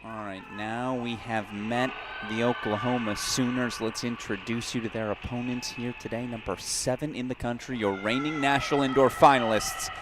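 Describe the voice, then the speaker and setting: Energetic man calling live tennis. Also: mid-range voice, music in the background. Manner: brisk, energetic, rising to shouts on key points. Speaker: tennis commentator. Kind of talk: live play-by-play commentary.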